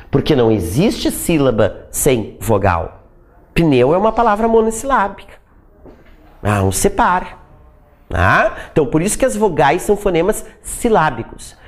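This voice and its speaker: A woman teacher giving an exam-prep lecture, explaining step by step, checking in with her class after almost every phrase and sounding out example sounds, with chatty asides. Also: low voice. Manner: sounds out speech sounds to demonstrate; chatty asides with dry humor.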